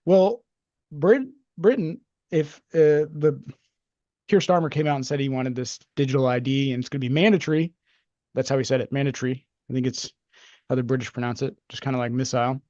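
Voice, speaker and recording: In a casual, opinionated podcast chat, a US co-host speaks at medium pitch, fairly quickly, with a dark tone, meandering and filling pauses as he hesitates. The audio is lo-fi with no room sound.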